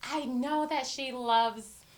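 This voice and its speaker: A woman's voice: high voice, slow pace. A middle-aged woman hosting an interview, effusive and emotional as she talks. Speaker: interview host. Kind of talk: warm interview chat.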